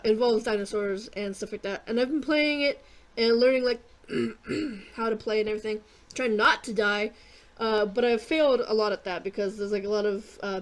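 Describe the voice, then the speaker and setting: Coughing woman, rambling gamer chat. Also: on the high side. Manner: rambling, filler-heavy, casual swearing. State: keeps clearing throat and coughing. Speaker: gaming YouTuber. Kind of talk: casual gameplay commentary.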